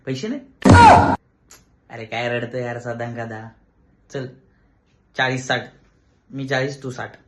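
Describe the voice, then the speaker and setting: A man's voice: medium pitch, level tone, unhurried, long pauses, a bit bright. Man coaxing a broke friend. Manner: pushy, coaxing, teasing. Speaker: comedy sketch creator. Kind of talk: comedic sketch dialogue.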